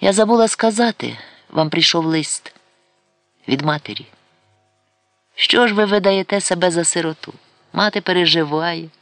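A man's voice: sits high, moderate pace, long pauses, fairly bright tone, no echo, faint music behind, voice pushed up. Man doing a reproachful, teasing woman. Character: reproachful, teasing woman confronting her evasive suitor.

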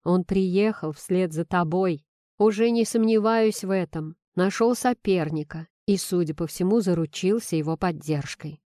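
A woman's voice: lowish voice, measured pace, dark tone, no echo, clean studio sound, natural voice. Woman reading as a sardonic young best friend. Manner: sardonic, pointed, then earnest.

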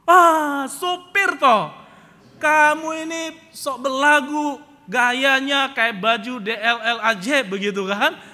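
A man voicing a stubborn, loud-mouthed middle-aged male passenger who refuses to give up his seat. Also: sits high, unhurried, voice pushed up, heavily acted. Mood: indignant shouting. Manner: shouting, indignant, bossy. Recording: reverberant church hall.

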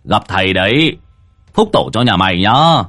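A man voicing a rough male thug in an audio ghost story, who mocks people bluntly. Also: fairly low pitch, sing-song, normal speed, fairly bright tone. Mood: mocking. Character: rough, scarred male tough, blunt and mocking.

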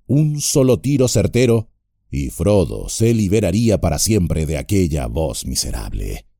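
A man narrating an audiobook in an expressive, dramatic way. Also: deep voice, unhurried, creaky, dry recording, studio quality.

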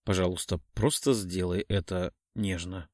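A man's voice: on the high side, lively intonation, normal speed, no room sound, clean studio sound, pitched above the performer's own voice. A man voicing a bold, teasing young woman. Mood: pleading softly. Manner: teasing, demanding. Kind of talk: audiobook character voicing.

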